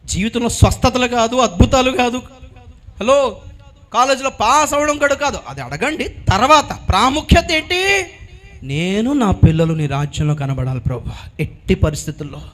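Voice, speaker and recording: A male pastor with a high-pitched voice preaches in an animated, storytelling manner. He calls out to the congregation for a response. His delivery moves between hushed narration and strong exclamation. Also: normal speed. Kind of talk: sermon.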